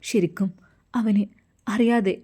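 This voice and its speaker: A woman narrates an emotional family story in an expressive, present-tense style. Her voice is mellow and warm, at an ordinary pitch. She speaks with a Malappuram Malayalam accent. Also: takes it slowly.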